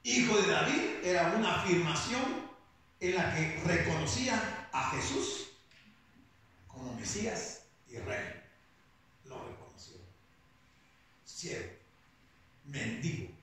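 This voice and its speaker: A man preaching a sermon, slow and emphatic, rising now and then into shouts. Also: fairly high pitch, big pitch swings, slight background noise. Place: church hall. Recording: very echoey hall, voice picked up from a distance.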